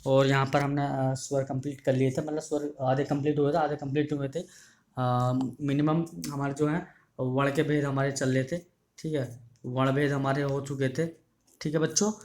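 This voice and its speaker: A man's voice: medium pitch, little pitch movement, moderate pace, darkish tone. A male teacher giving an online exam-prep lesson, explaining patiently, repeating key terms and asking the class questions. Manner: ends phrases with "ठीक है" checks.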